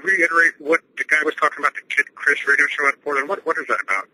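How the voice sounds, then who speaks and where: A man's voice: on the high side, fast talker, pushed and bright, slight background noise, rough recording. A man making a prank call on a speakerphone, pushy and interrupting, repeating himself. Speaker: prank caller. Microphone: telephone speakerphone.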